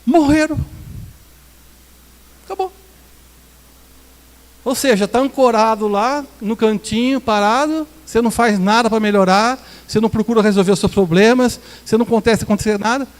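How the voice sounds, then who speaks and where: A man's voice: high voice, brisk, long reverb tail. A Brazilian pastor preaching a sermon in a conversational, joking way, acting out quotes from his congregation. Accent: Brazilian Portuguese. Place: small church hall.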